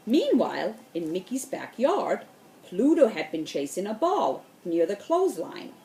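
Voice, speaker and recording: A woman reading a children's storybook aloud in a slow, expressive way. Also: mid-range voice, reverberant, a little hiss or hum. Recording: voice distant from the mic.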